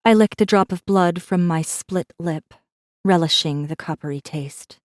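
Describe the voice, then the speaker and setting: In dramatic first-person narration, a woman audiobook narrator portrays a captive rebel assassin who is bitter and defiant, recounting her story intensely and broodingly. Her natural voice sits fairly low and moves a little slowly, with clean studio sound and no room noise.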